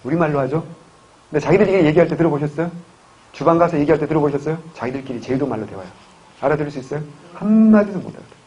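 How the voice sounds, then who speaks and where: A man's voice: on the high side, animated, racing, darkish tone. A man from the Gyeongsang region teaching an exam-prep history lecture, constantly asking questions and answering them himself. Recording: dull lo-fi recording, faint hiss.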